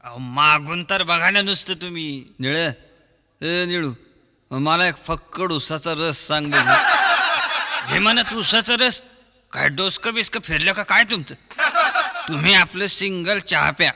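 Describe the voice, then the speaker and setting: A man with a Marathi accent, performing a mimicry comedy sketch and switching quickly between impressions of film actors. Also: on the high side, animated, pushed and bright, big-room sound. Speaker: mimicry artist.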